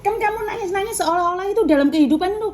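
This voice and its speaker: A woman's voice: very high voice, very fast, darkish tone, a little hiss or hum. Firm, lecturing woman. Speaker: domestic worker agent. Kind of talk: scolding phone mediation.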